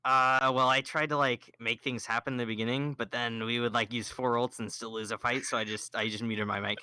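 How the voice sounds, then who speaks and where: A man, an esports player, trash-talking cockily over voice chat in a gruff voice likened to a pirate's. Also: medium pitch, flat delivery, fairly quick, pushed and bright, no room sound, poor audio. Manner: cocky trash talk, gruff voice said to sound like a pirate. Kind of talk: casual post-match interview.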